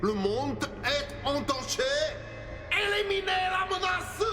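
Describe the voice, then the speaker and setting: A man voicing a scheming male mind-controlling villain in a cartoon, slow and menacing with sudden shouts. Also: lowish voice, sing-song, exaggerated voice. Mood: commanding. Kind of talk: cartoon dub acting. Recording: roomy echo with music underneath.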